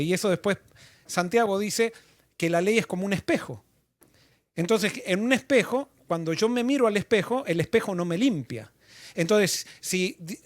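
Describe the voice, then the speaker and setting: High-voiced man teaching a Bible class. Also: no room sound. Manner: asks the class questions and repeats their answers. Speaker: pastor leading a Bible study class. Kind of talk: interactive Bible study teaching.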